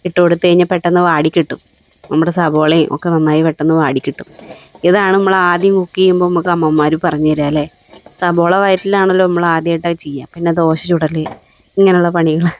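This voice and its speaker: A woman narrating her home cooking in a casual, chatty way, speaking slowly and gently with a slightly hoarse voice from a lingering cough. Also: fairly low pitch. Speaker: cooking vlogger.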